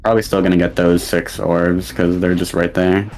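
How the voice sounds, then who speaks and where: A young man commentates a speedrun race in a casual way. His voice sits very low, with soft music in the background. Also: little pitch movement, moderate pace.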